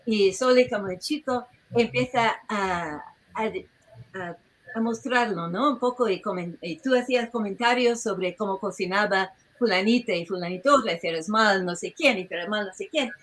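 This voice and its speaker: A woman presenting as a researcher at an online tribute, talking in a lively, digressive way that often breaks off mid-phrase, heard through a video-call microphone. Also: mid-range voice, normal speed, low-quality recording. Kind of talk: informal presentation to an online audience.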